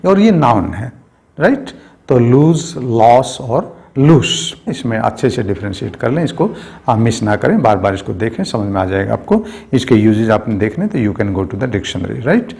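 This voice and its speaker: A man teaching an English grammar lesson. He explains things slowly and step by step, and he keeps asking "right?". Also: mid-range voice, sing-song, gravelly, mellow. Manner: slow, explanatory, often asks "right?".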